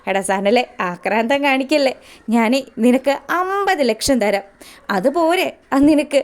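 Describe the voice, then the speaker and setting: A woman voicing a greedy, boastful man in a retold serial scene, with a lowered, gruff and offhand delivery. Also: animated, a little slow. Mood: scheming.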